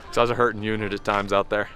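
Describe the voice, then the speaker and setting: A man's voice: lowish voice, level tone, fast, a bit bright, faint music behind. A man giving a casual, self-deprecating recap of a bike race outdoors, a bit out of breath, with lots of fillers. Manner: laid-back, self-deprecating, many fillers. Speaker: pro mountain bike racer, vlog host.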